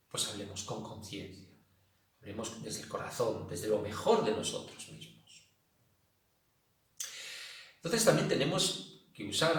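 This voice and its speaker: Chatty Spanish instructor in an echoey room. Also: male voice, medium pitch, gravelly. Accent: Spanish from Spain. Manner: chatty, repeats himself, acts out loud shouting. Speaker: senior exercise instructor. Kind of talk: casual spoken talk to an online class. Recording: very echoey room, voice a bit far from the mic.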